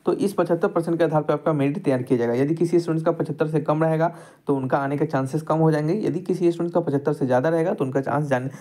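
Speaking very fast in a warm, fairly high-pitched voice, a male exam tutor addresses his students directly. He works through the screen-recorded lesson one step at a time.

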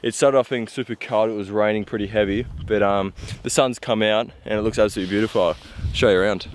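A man's voice: on the low side, fairly even intonation, quick pace. A young man from Tasmania talking casually to his camera at arm's length while hiking outdoors, enthusiastic and rambling with ums. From Tasmania, Australia. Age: young adult. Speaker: vlogger. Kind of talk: casual vlog narration. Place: outdoors on a wet, windy mountain. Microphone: handheld camera held at arm's length. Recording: outdoor vlog with noticeable background noise.

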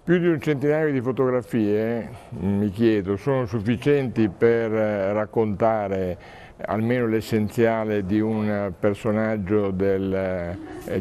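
Mellow-voiced man musing on an exhibition. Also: fairly low pitch, a little hiss or hum. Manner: reflective, thinking aloud with pauses. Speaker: exhibition curator. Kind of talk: interview answer.

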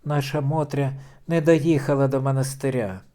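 A man's voice: mid-range voice, steady tone, moderate pace, mellow, voice pushed up, close to an everyday voice. A man voicing a distressed middle-aged noblewoman, pleading and tearful, in an audiobook reading.

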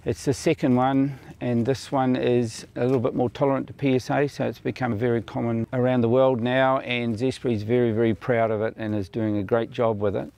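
A man's voice: mid-range voice, little pitch movement, a little fast, vocal fry, hardly any pauses, mellow. An older man from New Zealand, an orchard owner, explaining kiwifruit growing outdoors in an interview, plainly and with fillers. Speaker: orchard owner and company founder. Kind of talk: on-camera interview.

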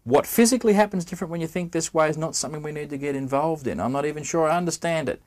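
A man's voice: fairly high pitch, very fast. A middle-aged man giving a spoken trumpet lesson, talking straight to the viewer in a conversational way and asking questions. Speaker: trumpet teacher. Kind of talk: spoken music lesson to camera.

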